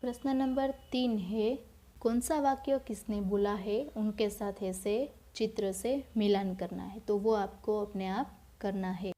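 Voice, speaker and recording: Slow, mellow-voiced woman teacher. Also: medium pitch. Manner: slow, patient, repeats words and asks then answers her own questions. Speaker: school teacher. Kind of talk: recorded Hindi grammar lesson for children.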